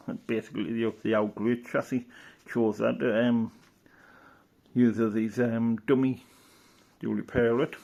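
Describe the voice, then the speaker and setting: Creaky and somewhat dark, his mid-range male voice carries a hobbyist's easygoing show-and-tell. The commentary wanders, stays matter-of-fact, and is sprinkled with tag questions.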